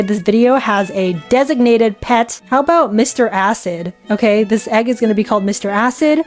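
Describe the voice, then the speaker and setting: A young woman narrates her own vlog in a chatty, giggly, self-mocking voice. Her voice sits a little high. Soft music runs faintly behind her. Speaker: vlogger.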